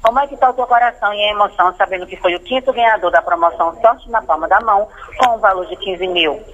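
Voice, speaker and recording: A man on a landline phone call, announcing a prize in a rapid, insistent scripted pitch and often asking if everything is all right. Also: a bit bright. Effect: heard over a landline phone. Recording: muffled phone line with faint hiss.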